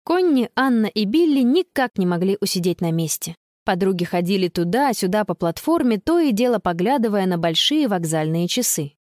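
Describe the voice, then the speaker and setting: A woman narrating a children's storybook in an expressive storytelling manner. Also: medium pitch, normal speed, no echo, clean studio sound. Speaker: audiobook narrator.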